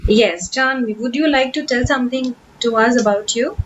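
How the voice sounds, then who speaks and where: Young indian english woman running an online class on a video call, bit high voice, faint hiss behind. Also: moderate pace, muffled recording. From Kolkata, India. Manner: encouraging, chatty, with fillers and restarts. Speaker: spoken English workshop host. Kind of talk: online class, casual teaching talk.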